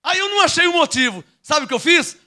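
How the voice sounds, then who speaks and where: A man with a Brazilian Portuguese accent preaching a lively sermon in church, joking with the congregation one moment and shouting proclamations the next. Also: extremely high pitch, fast. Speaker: pastor.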